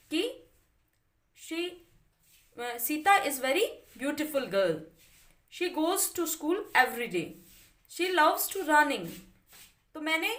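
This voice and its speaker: A woman's voice: high-pitched, a bit bright, reverberant. A woman teaching an English grammar lesson, explaining patiently step by step with repeated examples.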